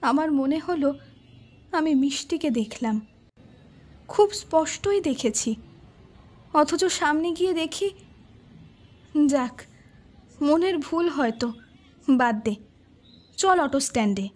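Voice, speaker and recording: A woman's voice: high-pitched, animated, slow, pauses often, a little mellow. An actress playing an uneasy young woman who has seen something strange, in an audio horror story. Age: young adult.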